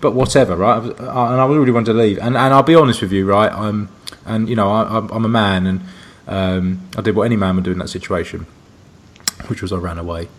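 Fast-talking animated man telling a story. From Liverpool. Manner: animated, laughing, jumps into high put-on voices for quotes. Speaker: podcast co-host. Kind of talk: casual storytelling chat.

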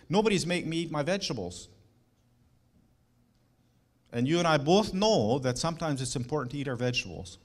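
A middle-aged man preaching a sermon, earnest and emphatic, with rhetorical questions and warm personal asides to the congregation. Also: a little high. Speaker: pastor.

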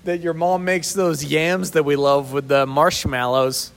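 His voice sits on the high side yet stays fairly flat in pitch, a little slow and gravelly, with a faint hiss or hum. He's a podcast co-host joking around casually, relaxed and quick to chuckle. The sheltered outdoor spot adds a big echoey reverb.

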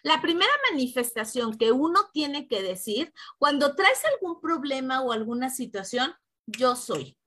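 A woman talks in a relaxed spiritual podcast conversation. Her voice sits high and rings bright. She leans into repeated affirmations in an earnest, reassuring way. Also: moderate pace, hardly any pauses. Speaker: podcast co-host. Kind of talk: casual spiritual chat.

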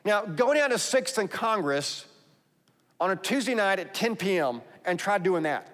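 Very animated and a bit bright, a man with a high voice and a Texas accent delivers a sermon as a pastor at normal speed. He mixes conversational, emphatic commentary with scripture read aloud, all echoing with long reverb in a large hall.

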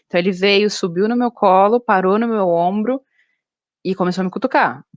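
A young woman, a zookeeper, chatting casually and telling stories in an animated way. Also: medium pitch, a little fast, no room sound, lo-fi sound. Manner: animated storytelling. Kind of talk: casual chat.

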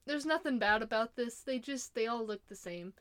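A woman's voice: on the high side, moderate pace, no echo. A young woman ranting casually about her opinions in a chatty, exasperated way, laughing often. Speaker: vlogger.

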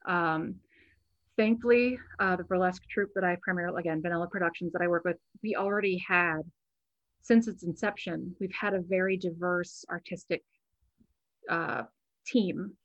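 A woman's voice: fairly low pitch, steady tone, moderate pace, lo-fi sound. A woman guest talking casually in an interview, chatty and restarting her sentences as she thinks. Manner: chatty, repeats words while thinking, many "um"s. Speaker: guest, burlesque performer and show producer. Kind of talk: conversational interview answers. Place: home, on a video call.

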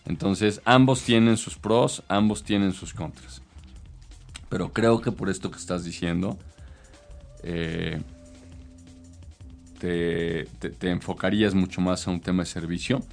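A man's voice: low voice, steady tone, a little slow, gravelly, long pauses, faint music behind. A man, a consultant, explaining business ideas in casual chat, with many hesitations and fillers.

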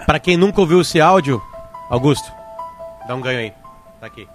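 A man's voice: a little high, expressive, fairly quick, soft background music. A man hosting, chatty and explanatory. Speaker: host. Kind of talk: casual podcast talk.

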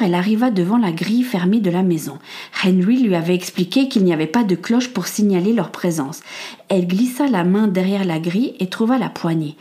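Female audiobook narrator, steady and clear. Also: mid-range voice.

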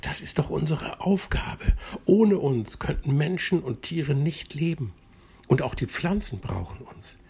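Cheerful explaining water drop, played by a man, raised and a bit husky, bedtime story. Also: fairly high pitch, very animated, unhurried, warm tone, voice pushed up, full character voice. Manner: knowing, explaining, encouraging. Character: cheerful wise male water drop friend.

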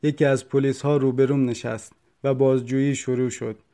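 A man's voice: mid-range voice, flat delivery, warm tone. A man narrating a first-person story in a dramatic reading style, acting out the dialogue.

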